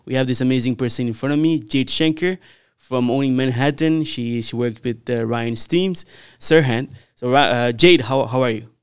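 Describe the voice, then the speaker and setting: Halting man hosting a podcast. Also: medium pitch, clean tone. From Quebec, Canada. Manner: halting, many restarts and repeated words. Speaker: podcast host, interviewer. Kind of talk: casual interview questions.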